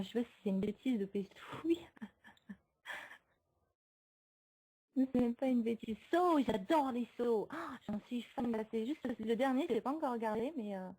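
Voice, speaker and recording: A slightly high voice with a dark tone and a breathy edge belongs to a woman running a casual livestream about films. She chats hesitantly with many fillers, laughs often and reacts to viewer comments, all on a rough recording.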